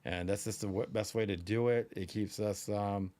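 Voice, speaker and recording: A man with a fairly low voice co-hosts a live stream. He talks loosely and rambles, stringing thoughts together with fillers. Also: fairly even intonation, moderate pace, warm tone, a little hiss or hum. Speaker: podcast co-host. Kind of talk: casual live-stream chat.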